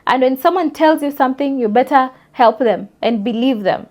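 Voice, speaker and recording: A young woman talks straight to her listeners. Her voice sits high, and she is emphatic and forthright, like a podcast host making a point. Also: normal speed, a little mellow. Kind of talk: solo opinion monologue.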